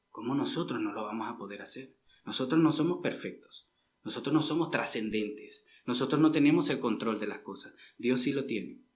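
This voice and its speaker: A man's voice: medium pitch, a little hiss or hum. A man preaching a sermon in a church, earnest and emphatic, often addressing listeners as brothers.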